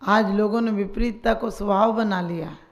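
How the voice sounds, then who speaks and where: A woman's voice: medium pitch, normal speed. A woman, a Jain nun, giving a sermon full of rhetorical questions and closing blessings.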